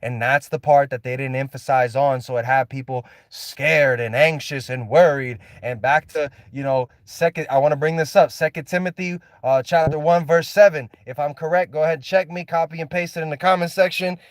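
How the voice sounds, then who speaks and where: In an unscripted driving vlog filmed inside his car, a man rants with passion and a preachy edge, often repeating and restarting. He talks a little fast in a steady, higher-pitched voice with hardly any pauses. The sound is clean studio audio with no room sound.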